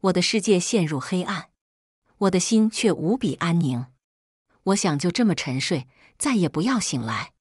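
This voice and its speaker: Woman narrator, low voice, breathy, very expressive first-person storytelling, dry close sound. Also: normal speed, no echo. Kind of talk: scripted narration.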